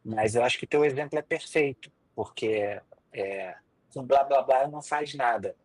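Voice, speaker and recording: Brazilian guy hosting, husky low voice, dry close sound. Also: normal speed, no room sound, poor audio. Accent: Brazilian Portuguese. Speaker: host. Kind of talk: casual chat.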